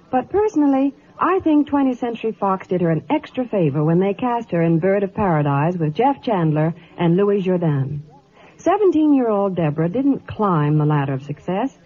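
Over a tinny, fuzzy old radio broadcast, an American woman working as a Hollywood reporter and ad pitchwoman delivers scripted 1950s gossip and advertising. Her lowish, slightly rough voice carries a chatty, polished sales style.

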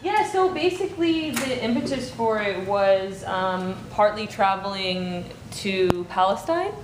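Reflective woman playwright in echoey room. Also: a little slow. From Michigan and Germany. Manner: thoughtful, searching, many "like" fillers. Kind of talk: casual interview chat. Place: small meeting room indoors. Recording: echoey room with faint rumble.

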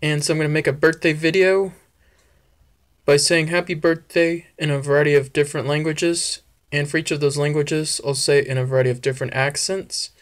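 A man's voice: fairly high pitch, flat delivery, a little fast. An eighteen-year-old man talking casually to his viewers as a vlogger, recorded on a phone at arm's length indoors. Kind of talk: casual chat to camera. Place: small indoor room at home.

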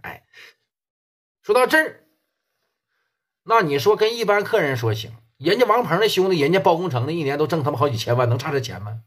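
Husky Northeastern storyteller. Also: male voice, on the high side, animated, brisk, pauses often, a bit bright. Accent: Northeastern Mandarin. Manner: casual, colloquial, swearing. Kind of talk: oral storytelling.

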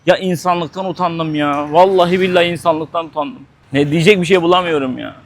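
A man's voice: a little high, fairly quick. A man filming a travel vlog on a busy street, talking straight to his viewers with shocked exclamations and swearing. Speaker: travel vlogger. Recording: faint street noise behind.

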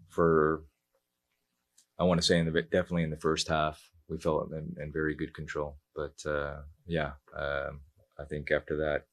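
A man in his forties, a football coach speaking at a post-match press conference into a table mic, measured and reflective with many fillers. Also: very deep voice. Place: press room.

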